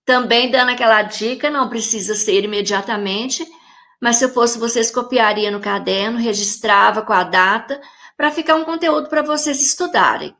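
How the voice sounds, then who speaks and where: A woman with a Brazilian Portuguese accent teaching a recorded grammar lesson for children, explaining slowly and carefully to her pupils. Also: fairly high pitch, pushed and bright.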